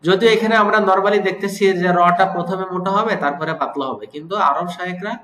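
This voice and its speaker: A man with a high, light voice, teaching recitation in a patient, step-by-step way. He slows down and repeats sounds to show how they should be pronounced. The recording has a roomy, echoing sound. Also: fairly bright tone. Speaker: Quran teacher. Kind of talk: recitation lesson with explanations. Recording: roomy echo.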